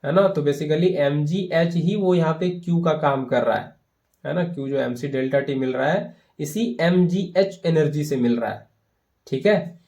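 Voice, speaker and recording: Male physics tutor, mellow tone, patient step-by-step explainer who keeps checking in with students. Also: fairly high pitch, lo-fi sound. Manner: slows right down when reading English lines aloud. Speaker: physics teacher. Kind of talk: exam-prep lesson explaining problems.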